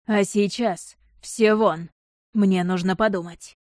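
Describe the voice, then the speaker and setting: A stern, suspicious nobleman who gives terse commands and quiet threats, as a woman reads him aloud. The voice stays dark and close to the narrator's own, firm and clipped, in a dry storybook recording. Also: medium pitch, steady tone, slow pace, no echo, lightly acted.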